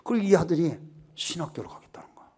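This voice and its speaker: A middle-aged man preaching a revival sermon in a church, telling a personal testimony with animated swings from loud exclamations to hushed asides. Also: a little high, quick pace, slightly rough. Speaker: pastor. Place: church sanctuary.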